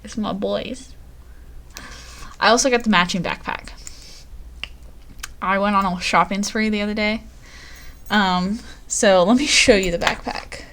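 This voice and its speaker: A woman's voice: mid-range voice, normal speed, pauses often, fairly bright tone. A woman streamer chatting casually on a live stream, rambling and poking fun at herself. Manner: chatty, self-deprecating, rambling.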